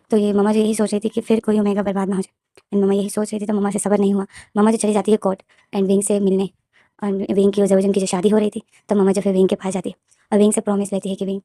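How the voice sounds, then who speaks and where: Fast-talking woman retelling a story. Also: medium pitch, dark tone, no room sound, studio quality. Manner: rapid run-on retelling with fillers. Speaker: fanfiction storyteller. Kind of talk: storytelling narration.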